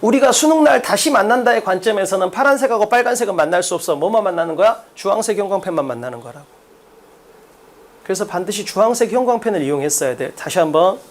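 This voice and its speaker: At the blackboard, a brash and blunt English test-prep lecturer covers exam English, throwing rhetorical questions at students. He speaks quickly in a high, animated voice.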